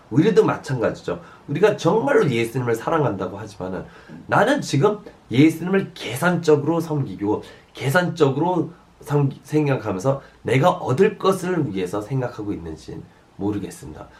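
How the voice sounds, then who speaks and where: Male pastor delivering a sermon, lively pitch, storytelling, filler-heavy, loud then hushed. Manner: animated storytelling, frequent fillers, shifting loud and soft.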